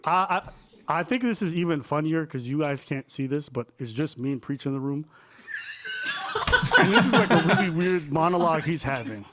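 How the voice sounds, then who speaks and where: A man with a slightly raised, lively voice comments playfully on a stream, laughing between remarks. Loud background noise with clicks sits under his voice. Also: a little high, normal speed. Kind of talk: streamed banter.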